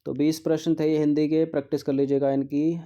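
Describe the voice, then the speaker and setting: A man's voice: on the high side, flat delivery, brisk, mellow. A male teacher going through exam practice questions, repeating words to drill their spelling and mixing in English terms.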